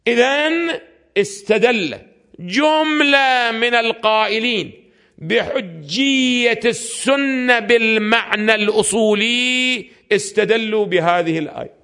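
High-voiced man lecturing. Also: pushed and bright, smooth. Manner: asks his listeners rhetorical questions and answers them himself. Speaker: religious scholar lecturing. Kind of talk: classroom lecture on legal theory.

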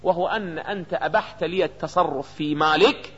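A man with an Iraqi Arabic accent gives a seminary lecture on jurisprudence, his voice sitting fairly high. He keeps quizzing the class with rhetorical questions and answers them himself. The sound is dull and lo-fi, with a long reverb trailing off the hall. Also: brisk, a bit bright, husky. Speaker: jurisprudence teacher. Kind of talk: seminary lecture on a legal text.

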